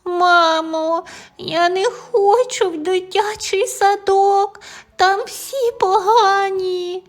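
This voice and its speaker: Woman acting out a little boy mouse, timid, plaintive, high-pitched, unhurried, storybook character. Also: expressive, a bit bright, exaggerated voice. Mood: eager, hurt. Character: small timid boy mouse, eager and hurt.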